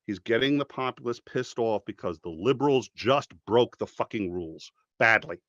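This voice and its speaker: A man's voice: mid-range voice, lively intonation, normal speed, a bit bright, no room sound. A man making a passionate, profane argument in casual conversation, jumping into mocking voices when he quotes people. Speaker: podcast guest. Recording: dry, slightly dull podcast audio.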